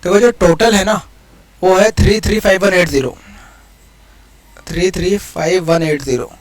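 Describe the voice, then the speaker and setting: A high-voiced man talks through a maths problem like a casual lesson. He explains each step aloud and rattles off digits as he works. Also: fairly even intonation, low-quality recording. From India. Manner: chatty, explains steps aloud, counts digits quickly. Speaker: maths teacher. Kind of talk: casual exam-prep lesson.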